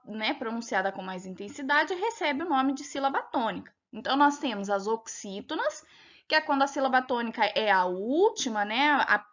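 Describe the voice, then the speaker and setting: A Brazilian woman teacher with a high voice walks young pupils through a test one answer at a time. She speaks patiently and keeps checking that they follow. The recording sounds dull and lo-fi. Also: fairly bright tone. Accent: Brazilian Portuguese. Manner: patient, explains step by step, asks checking questions. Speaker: primary school teacher. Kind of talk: recorded lesson going over a test.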